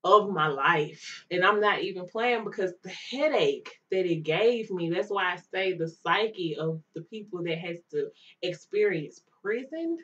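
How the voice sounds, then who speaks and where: Animated young woman telling a story. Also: lowish voice, unhurried. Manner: animated storytelling, mimics others' voices. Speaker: vlogger. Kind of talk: storytime vlog. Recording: distant mic, dull lo-fi sound.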